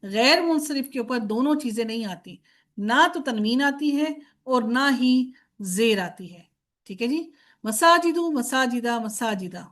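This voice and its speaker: Speaking in a slightly high, expressive voice, a woman teaches Arabic grammar in a recorded lecture. She patiently chants word forms in drills and asks questions that she then answers, mixing English words in.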